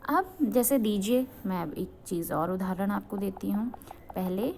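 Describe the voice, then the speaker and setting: A woman's voice: mid-range voice, a little slow, darkish tone, slight background noise. A young adult woman from Uttarakhand teaching a grammar lesson, asking questions and answering them herself, often checking that students follow. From Uttarakhand, India.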